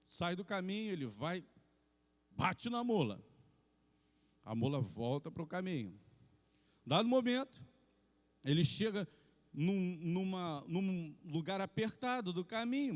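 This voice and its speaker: A man preaching, telling the story in an animated way and acting out the scenes. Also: high-pitched. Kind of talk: sermon. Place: church hall. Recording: long reverb in a church hall.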